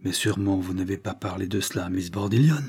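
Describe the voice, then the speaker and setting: An awkward, conciliatory butler who tries to smooth things over, read by a man. The voice is low, dark and husky, as in an audiobook reading. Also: fast talker. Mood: placating. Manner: placating, embarrassed. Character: embarrassed conciliatory male butler.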